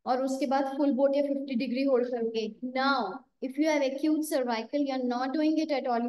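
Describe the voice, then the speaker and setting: A high-voiced woman leads a workout class at an unhurried pace. She counts reps and calls out moves in an echoey room. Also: a little mellow. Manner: counting reps, calling exercises, correcting participants by name. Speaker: fitness instructor. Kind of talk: live workout class instruction.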